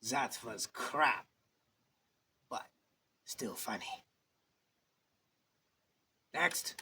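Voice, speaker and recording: A man voicing a grumpy, blunt puppet heckler with a rough, raspy voice and curt, dismissive outbursts. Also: medium pitch, lively intonation, extremely slow, sharp tone, full character voice. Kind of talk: puppet talent show.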